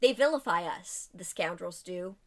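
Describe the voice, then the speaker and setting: A woman's voice: fairly low pitch, lively intonation, moderate pace, pitched below the performer's own voice. A woman reading as a grandly scornful pirate captain. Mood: defiant. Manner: epic, declamatory scholarly reading.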